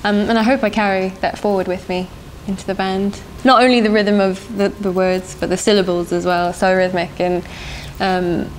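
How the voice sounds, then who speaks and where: A woman's voice: medium pitch, fairly even intonation, moderate pace, few pauses, low-quality recording. A young woman from South Africa, a band singer, answering interview questions in a thoughtful, hesitant way with frequent laughs. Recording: faint background noise.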